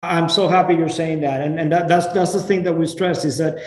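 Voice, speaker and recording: A Venezuelan man, the founder of a program, speaks earnestly as a guest in a casual interview, often restarting his phrases. His voice is a little high and steady in tone, and he talks a bit fast. The recording has a roomy echo.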